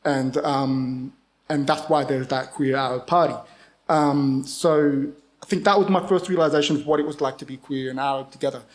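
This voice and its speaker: A man's voice: mid-range voice, fairly even intonation, moderate pace. A man in his thirties with an Australian accent, chatting on a live panel in a rambling, self-deprecating way, laughing often. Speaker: panelist, book editor. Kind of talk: casual chat at a live panel.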